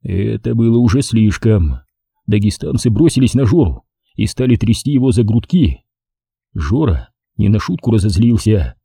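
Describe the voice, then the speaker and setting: A man reads a first-person story aloud in a measured, even telling. His voice is gravelly and dark, with a husky grain. The recording is close and dry. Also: on the low side, no echo. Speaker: audiobook narrator. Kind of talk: first-person audiobook narration.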